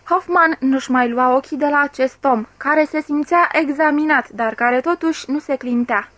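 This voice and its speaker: A woman narrating a literary audiobook in a measured, even way, recorded close on the mic. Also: high voice, dry recording. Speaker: audiobook reader.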